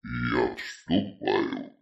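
A man voicing a sullen, hulking male troll who answers slowly and stubbornly. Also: rumbling low, sing-song, vocal fry, reverberant, pitched below the performer's own voice, exaggerated voice. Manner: slow, dull, stubborn repetition.

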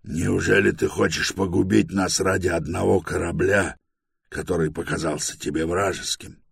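A man voicing a raspy, argumentative older male scholar in an audiobook. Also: low-pitched, steady tone, moderate pace, dry recording, clean studio sound, exaggerated voice. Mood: reasoning.

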